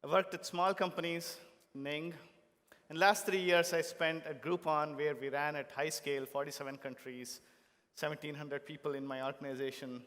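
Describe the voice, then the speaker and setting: Reverberant higher-pitched man giving a podium speech. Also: level tone, moderate pace, fairly bright tone. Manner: addresses audience in short, emphatic, separated phrases. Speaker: company technology chief giving a keynote. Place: large conference hall stage. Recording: long hall reverb from stage PA.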